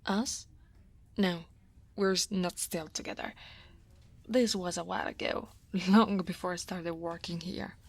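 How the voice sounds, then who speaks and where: Unhurried and steady in tone, a woman from Italy with an Italian accent voices a weary, guarded female dragon office coworker for an ASMR roleplay. She speaks in a soft, tired, breathy half-whisper close to the mic, her pitch fairly low, with no room sound.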